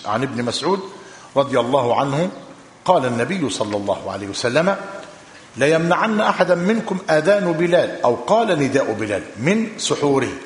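A man with an Egyptian accent teaching a hadith lesson, reading texts aloud in a measured way and explaining them with colloquial asides. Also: mid-range voice, slight background noise. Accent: Egyptian Arabic. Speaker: religious teacher. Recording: echoey hall with long reverb.

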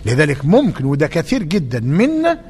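An Egyptian man teaching a religious lesson in a fast, lively voice that repeats its warnings for emphasis. His slightly raised pitch carries through a long-reverberating hall, with faint noise in the background. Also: breathy edge. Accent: Egyptian Arabic. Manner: animated and emphatic, repeating key phrases.

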